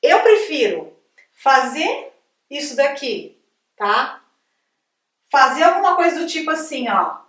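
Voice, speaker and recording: A woman's voice: high voice, sing-song, slow pace, long pauses, a bit bright, far from the mic. A Brazilian woman with a chatty, upbeat manner, giving a casual video lesson as an English teacher, checking in with her viewers again and again. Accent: Brazilian Portuguese. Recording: echoey room, voice from off the mic.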